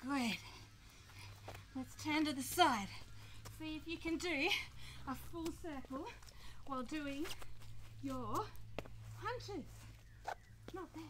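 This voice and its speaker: Out in a grassy back yard, a high-pitched kids' fitness instructor leads a workout, barking short, energetic commands and encouragement while puffing from the exercise. She talks slowly and pauses often. A camera microphone a few metres away picks up noisy outdoor audio with some clicks.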